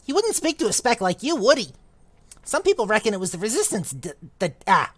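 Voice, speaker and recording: A fussy male spirit shopkeeper, gossipy and fawning, as a woman does him in a read-aloud, his pitch leaping up and down as he goes. He hesitates and trails off between bits of gossip, heard close and dry. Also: fairly bright tone, no echo. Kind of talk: reading a novel aloud.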